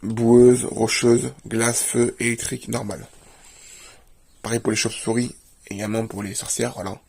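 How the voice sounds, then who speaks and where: A man's voice: mid-range voice, level tone, moderate pace, vocal fry, darkish tone, husky. A man, a video creator, doing a casual show-and-tell and plainly listing items one after another. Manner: plainly lists items while leafing through a book.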